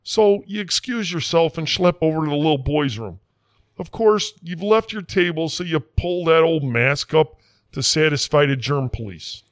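Guy doing a rambling quack doc, folksy and sure of himself, fairly high voice. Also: moderate pace, dry recording, close to an everyday voice. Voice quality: folksy, rambling, self-assured. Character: folksy small-town Wisconsin "doctor", middle-aged man. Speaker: comic character in a mock interview.

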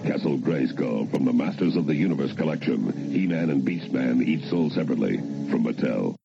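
A man's voice: rumbling low, lively intonation, brisk, creaky, dull audio, heavily acted. A man delivering a scripted voice-over in the style of a 1980s television toy commercial. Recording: old TV ad under loud music.

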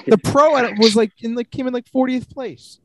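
A man's voice: very high voice, fairly quick, dry recording. A man co-hosting a sports podcast, talking casually with lots of fillers. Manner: casual, filler-heavy talk. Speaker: podcast co-host.

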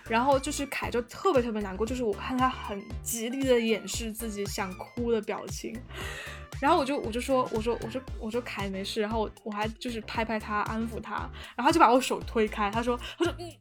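A young woman telling a story in casual chat, animated and full of fillers and restarts. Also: a little high, fairly quick, faint music behind. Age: young adult. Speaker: podcast guest storyteller.

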